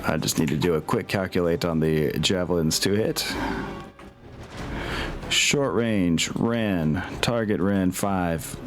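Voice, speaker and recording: Low and slow, a man serving as game master for a tabletop wargame talks casually and thinks aloud while tallying rolls. Music plays behind him.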